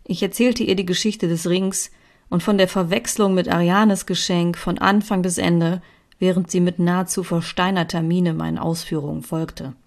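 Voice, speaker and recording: Woman reading a story aloud, low-pitched. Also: steady tone, moderate pace. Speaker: author reading her own story. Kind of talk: scripted narration.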